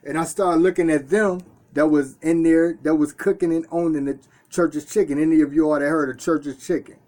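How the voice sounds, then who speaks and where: A man's voice: a little high, fairly even intonation, moderate pace, darkish tone. A man from Detroit who owns a store, talking earnestly to his own camera from inside the shop and often repeating and restarting phrases. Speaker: store owner. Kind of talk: casual talk to camera. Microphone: self-filmed camera.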